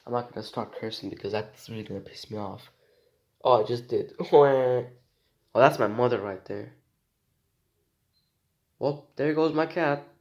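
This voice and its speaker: This is a teenage vlogger from Romania, a native Romanian speaker, who is sick and delivers a loose, rambling monologue full of jokes, slang, and restarts. His medium-pitched voice has a darkish tone, and he speaks unhurriedly with many pauses, all on lo-fi sound.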